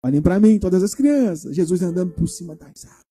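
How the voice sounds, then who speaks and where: A man's voice: high-pitched, a little fast, slightly rough. A male pastor giving a children's sermon in a church, retelling a story and asking the children questions as he goes. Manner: animated, asks the children questions.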